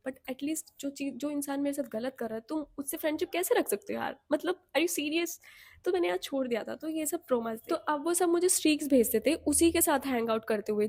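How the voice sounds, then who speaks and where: Candid young Indian woman, fairly high voice. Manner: candid, animated, self-mocking. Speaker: vlogger. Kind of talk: personal storytelling.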